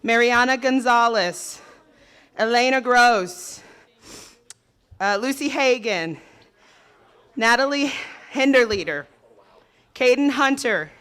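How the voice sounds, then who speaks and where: Woman reading names at a ceremony, slow and easygoing, trips on a few and laughs at herself. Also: on the high side, fairly bright tone, smooth. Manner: chatty, self-deprecating, stumbles over names. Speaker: ceremony announcer.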